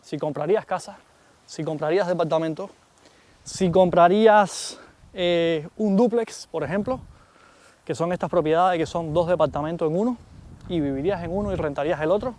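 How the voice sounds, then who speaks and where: A man with a Cuban accent chatting casually to his viewers in an animated vlog. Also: a little high, moderate pace. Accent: Cuban Spanish. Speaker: vlogger. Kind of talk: casual chat to camera.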